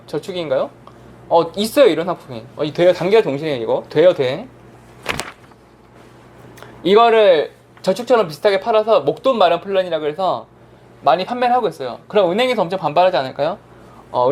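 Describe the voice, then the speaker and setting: A man lecturing for an online exam prep course, his voice sitting high and swinging widely up and down. He talks casually, throwing questions at the class and answering them himself. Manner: animated, asks and answers his own questions. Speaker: insurance exam instructor.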